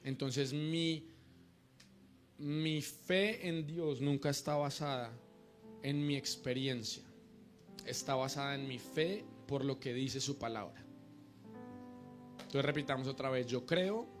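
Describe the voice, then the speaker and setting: A man's voice: mid-range voice, fairly even intonation, measured pace, long pauses, faint music behind. Man preaching a sermon. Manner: teaching in short repeated phrases, calls congregation to repeat.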